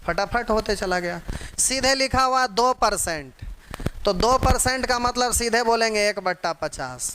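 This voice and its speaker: A man's voice: high-pitched, background noise. A man teaching an exam-prep math lesson, drilling fractions and percentages aloud and calling his students dear ones.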